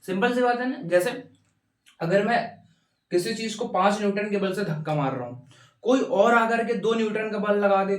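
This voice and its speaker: A man teaches physics, coaxing his students and supplying their answers himself. His voice sits high, and it carries a roomy echo, as though the mic were set some way off. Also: distant mic. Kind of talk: classroom lecture to students.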